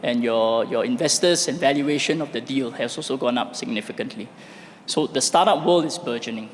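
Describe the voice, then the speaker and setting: A hoarse man giving an opening address at an event, halting with many fillers and restarts. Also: medium pitch. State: losing his voice, hoarse. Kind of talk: impromptu public speech. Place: event hall at a startup festival. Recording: reverberant hall, faint noise.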